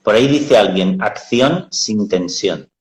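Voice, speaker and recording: A man with a lowish voice talks frankly and plainly, explaining ideas in blunt everyday words. The sound carries a noticeable echo from the room. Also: lively intonation, slow. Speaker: psychologist host. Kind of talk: casual live talk.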